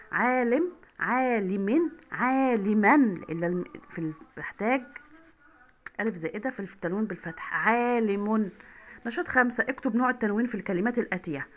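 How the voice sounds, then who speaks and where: A young woman with an Egyptian accent teaches an online Arabic lesson to primary school children, repeating words slowly and clearly. Her voice is medium in pitch and a bit bright.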